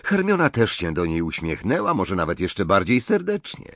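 Expressive male audiobook narrator, dry sound. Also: low voice, moderate pace, no echo. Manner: expressive storytelling, many voices. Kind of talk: scripted narration of a novel.

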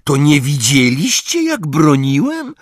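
An excitable, boastful teenage boy from an audiobook, as a man reads him. His voice sits a little above the reader's low register and swings about eagerly. The recording is dry and close. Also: slow pace, no room sound, heavily acted. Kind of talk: audiobook character voice.

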